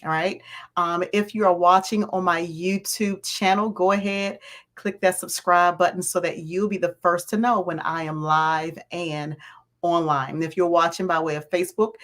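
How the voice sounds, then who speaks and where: A woman with a raspy voice hosting a live stream, greeting viewers by name and repeating her points. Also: lowish voice, fairly even intonation, normal speed, a bit bright. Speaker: host of a livestream on landlord and tenant topics.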